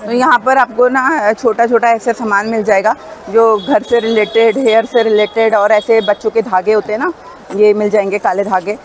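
This shopping vlogger's voice sits a little high, and she keeps a steady tone at a normal speed. She's using her phone to film a stroll through an outdoor wholesale market, chatting to her audience about prices and bargaining with sellers. There's slight background noise and the recording is rough.

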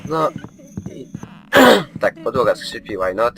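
A man's voice: medium pitch, wildly swooping pitch, slow, creaky, noisy background. A man commenting on his own play of a horror game, joking and chatting to the game's characters in a mock-soothing way. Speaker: gameplay commentator.

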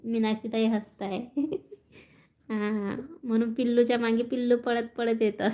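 A woman's voice: a little high, measured pace, highs cut off. Chatty woman on a phone live stream. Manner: chatty, reads out viewer comments, laughs often. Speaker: vlogger reading live chat. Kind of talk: casual live-stream chat.

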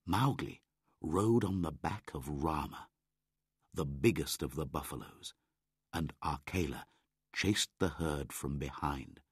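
A man narrating a graded-reader audiobook in a slow, clear, measured way. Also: a bass voice, no echo, studio quality.

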